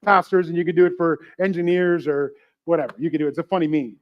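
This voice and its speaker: A man's voice: fairly high pitch, fairly even intonation, fast, muffled recording. A man preaching as pastor to his church, chatty and joking, asking the congregation questions. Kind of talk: sermon.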